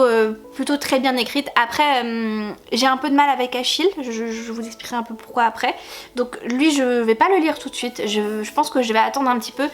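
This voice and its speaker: A woman in a casual book haul video, speaking in a slightly high voice. She talks in a relaxed, chatty way, filling her sentences with hesitations and small laughs. Faint background music plays under her voice. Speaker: book vlogger.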